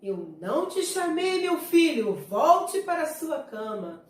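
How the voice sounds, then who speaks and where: Woman voicing a fatherly priest, high and emphatic. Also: very animated, takes it slowly, darkish tone, exaggerated voice. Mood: patient, emphatic. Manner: emphatic storybook dialogue for children. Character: old male priest, fatherly and patient. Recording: echoey room, distant mic, faint noise.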